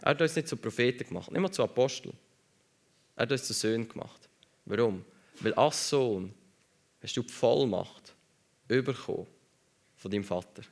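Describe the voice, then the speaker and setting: A male preacher delivers a sermon in a gravelly, middle-pitched voice. He speaks with emphasis and drives points home by repeating his phrases. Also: moderate pace, pauses often.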